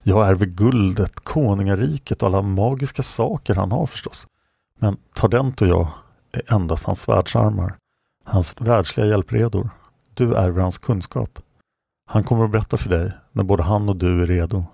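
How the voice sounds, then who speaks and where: A man's voice: fairly low pitch, creaky, warm tone, slightly rough, no echo, studio quality. A man reading aloud and voicing a playful, mocking young woman warrior in a storybook. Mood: earnest. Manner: mocking, teasing questions.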